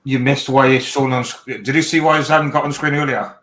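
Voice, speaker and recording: A man's voice: mid-range voice, fairly even intonation, brisk, a bit bright, echoey room. A man with a Welsh accent, chatting casually. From Wales. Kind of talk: casual chat.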